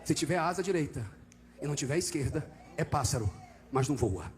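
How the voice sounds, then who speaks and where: A man preaching a fiery church sermon, swinging from quiet, close talk up to shouted, high-pitched calls to the congregation. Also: expressive, fast talker. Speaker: visiting preacher. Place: church service.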